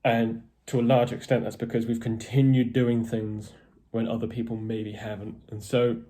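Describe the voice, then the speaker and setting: A man's voice: medium pitch, level tone, normal speed, dark tone. Voiced man rambling to fans. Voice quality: posh-sounding voice. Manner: rambling, with many ums and restarts. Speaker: metal band member. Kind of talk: casual video update to fans.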